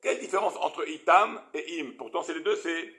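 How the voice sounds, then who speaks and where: A male rabbi gives an animated Torah lesson, questioning his listeners as he explains Hebrew terms. His voice is bright and forceful. It sits a little high for a man. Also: moderate pace.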